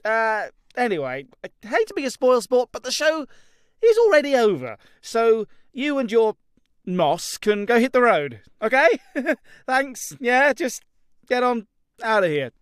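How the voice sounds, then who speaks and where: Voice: mid-range voice, big pitch swings, a little slow, clean tone, no room sound, studio quality. Manic, wildly swooping robot show host. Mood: irritated, dismissive. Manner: theatrical, sarcastic, switching into mock voices. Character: manic vain robot core playing talk show host. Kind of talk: animated comedic show hosting.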